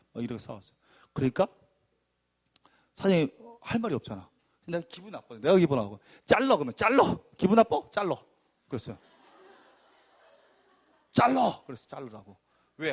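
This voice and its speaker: A man preaching a sermon testimony, telling his story in an animated, emphatic way and acting out arguments. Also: a little high, breathy edge.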